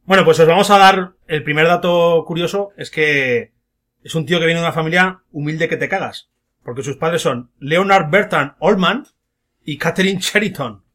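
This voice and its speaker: Bright-voiced joking podcast host. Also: male voice, a little high, moderate pace. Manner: jokey storyteller, acts out quotes in silly voices. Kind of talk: casual comedic film podcast chat.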